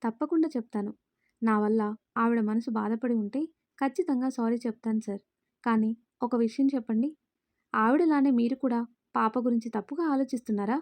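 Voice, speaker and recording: A woman's voice: a little high, a little fast, pauses often, darkish tone, dry recording, natural voice. A woman voicing an earnest, outspoken young woman who speaks up firmly for a little girl in a spoken storybook.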